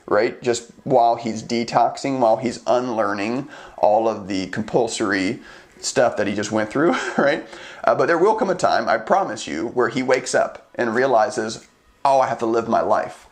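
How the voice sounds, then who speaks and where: A man talking earnestly to camera about raising children, in a casual conversational way with frequent ums and rhetorical questions. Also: medium pitch. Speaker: unschooling advocate vlogger. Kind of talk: casual advice talk to camera.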